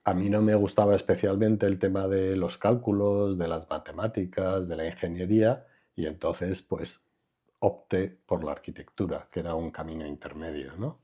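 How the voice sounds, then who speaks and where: An older man from Madrid, Spain, an architect being interviewed, has a low, husky voice with a warm tone and fairly even intonation. The conversation is relaxed, and he comes across as reflective and unhurried, trailing off with fillers.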